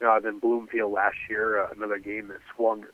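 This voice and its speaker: A man's voice: fairly low pitch, level tone, normal speed, dry recording. Nasal man on a tinny phone line. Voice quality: nasal from a blocked sinus. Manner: detailed, recounts plays with many uhs. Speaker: sportswriter guest. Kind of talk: casual sports analysis.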